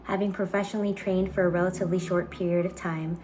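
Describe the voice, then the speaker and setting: Clear background noise surrounds a young woman with a fairly low voice. She reads a personal essay aloud as a dramatic piece. Her phrasing is earnest, measured and careful. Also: little pitch movement, darkish tone. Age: young adult. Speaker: actor reading own application essay. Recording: clearly noisy background ambience.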